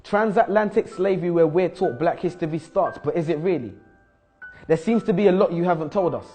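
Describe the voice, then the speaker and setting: A bold, frustrated student, acted by a young man, delivering an insistent spoken-word monologue. The voice sits fairly high for a male, with rhetorical, rhyming phrasing. Faint music plays underneath. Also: dark tone, close to an everyday voice. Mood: challenging. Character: bold, frustrated male school student challenging his teacher.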